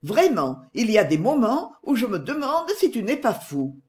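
Narrator putting on a defiant middle-aged woman, sharp and indignant, raised pitch, lively, slow. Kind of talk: audiobook dialogue.

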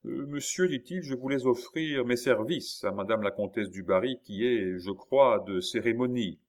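A man's voice: medium pitch, normal speed, voice pushed up, close to an everyday voice. A man voicing a confident young hairdresser who speaks politely and with assurance.

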